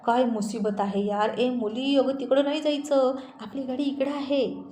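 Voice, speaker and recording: A woman's voice: a little high, moderate pace, warm tone, natural voice. A woman voicing an irritable young husband who talks in a snapping, exasperated way. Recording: roomy echoey recording.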